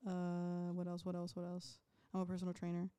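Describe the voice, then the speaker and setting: A woman's voice: fairly low pitch, completely flat delivery, fairly quick, mellow, clear, resonant tone, no echo. A woman in her twenties co-hosting a casual podcast, laid-back and jokey, often trailing off mid-thought. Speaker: podcast co-host. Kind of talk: casual chat. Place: Miami.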